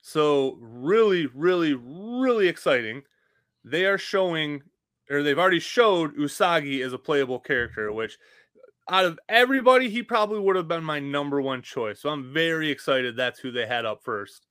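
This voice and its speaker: A man co-hosts a fan podcast, recorded dry and close with no room sound. His voice sits a bit high, and he talks in a relaxed, agreeable, chatty way. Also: moderate pace, no echo. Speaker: podcast co-host. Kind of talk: casual chat.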